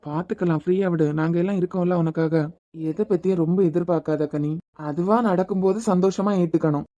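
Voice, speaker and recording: A woman voicing a steady, comforting adult man, a doctor like an elder brother, advising a hurt young woman. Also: lowish voice, a little fast, dry recording, lo-fi sound, close to an everyday voice. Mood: reassuring. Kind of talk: Tamil audio drama acting.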